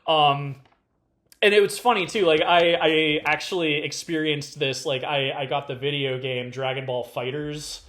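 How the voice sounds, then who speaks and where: A man with a Californian accent co-hosts a podcast, talking casually in a rambling, animated way packed with fillers and restarts. His voice sits on the high side and moves at normal speed.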